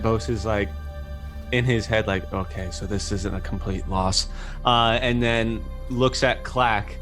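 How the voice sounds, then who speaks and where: A man chatting casually as a player in a tabletop game, halting as he describes his character's actions. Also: on the low side, a bit bright.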